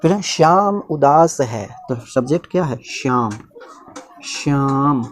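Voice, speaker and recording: A man teaching English translation. He asks the listener questions and then answers them himself, repeats each example slowly, and keeps checking in with "theek na". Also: medium pitch, animated, slight background noise. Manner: says "ठीक ना" often as a check-in. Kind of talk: classroom-style lesson, Hindi explanation.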